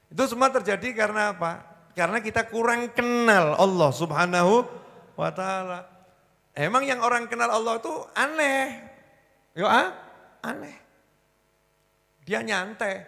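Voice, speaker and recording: A man's voice: high-pitched, moderate pace, creaky, bright, forceful tone. A man with a Javanese accent preaching to a congregation in a jokey way, acting out little scenes and slipping into Javanese. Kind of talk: lively religious talk to a congregation. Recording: long hall reverb.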